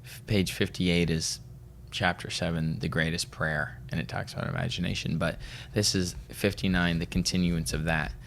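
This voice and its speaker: Low-voiced guy cohosting a chill podcast, gets loud and swears a lot. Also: moderate pace, creaky, slight background noise. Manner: loud and excitable, swears casually. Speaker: podcast co-host. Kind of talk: casual chat and reading aloud.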